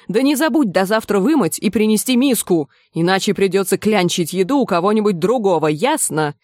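A woman's voice: mid-range voice, expressive, a little mellow, no echo, clean studio sound, natural voice. Woman doing a bossy, motherly kitchen cook. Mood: scolding. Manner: scolding, brisk, motherly. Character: bossy, kind-hearted young woman cook.

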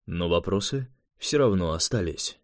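A man voicing a gruff, grumbling senior male mage in an audiobook, speaking curtly, low and quiet. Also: lively intonation, normal speed, no echo, studio quality.

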